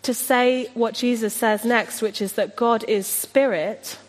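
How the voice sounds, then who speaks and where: A woman's voice: fairly high pitch, steady tone, a little slow. A woman preaching a sermon in an earnest, reflective way as she retells a scripture story. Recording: long hall reverb.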